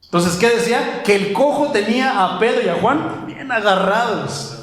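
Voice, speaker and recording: A man preaching a sermon as pastor, animated, firing rhetorical questions and calling listeners "my brother". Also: high voice, moderate pace, crowd noise. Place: church hall. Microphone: handheld microphone. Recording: very echoey church hall.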